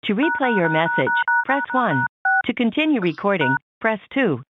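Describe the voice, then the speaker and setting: A woman's recorded voicemail prompt, heard over the phone, reading menu options in a clear, measured way. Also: mid-range voice, sing-song, very noisy. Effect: automated voicemail prompt over the phone. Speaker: automated phone system voice. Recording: tinny phone line.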